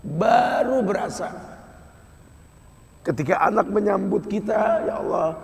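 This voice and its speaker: High-pitched, gravelly Betawi preacher, echoing hall. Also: male voice, measured pace. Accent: Betawi Jakarta. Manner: storytelling, swings from soft hushed to loud urging. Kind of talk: sermon. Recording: echoey hall reverb.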